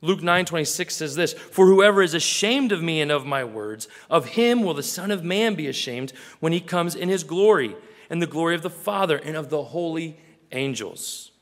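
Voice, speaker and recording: A male pastor preaching a sermon earnestly, acting out small scenes in a quieter voice. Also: a little high, lively intonation, moderate pace, in a large hall.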